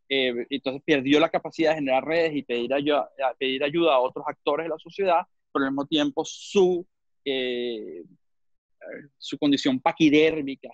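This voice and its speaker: Venezuelan man, panel speaker, halting and repetitive, dry muffled video call sound. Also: medium pitch, no echo. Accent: Venezuelan Spanish. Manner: halting, searches for words with many repeats. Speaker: webinar panelist.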